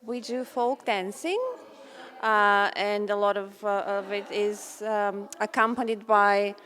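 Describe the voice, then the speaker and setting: A woman's voice: medium pitch, level tone, slow pace. Earnest woman. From Bulgaria. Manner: earnest, warm storytelling with fillers. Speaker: interviewee, folk dancer. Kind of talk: casual interview answers.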